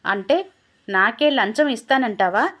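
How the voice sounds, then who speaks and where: A woman's voice: a little high, a little slow, a bit bright. Woman voicing a stern male tax officer. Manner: angry and threatening.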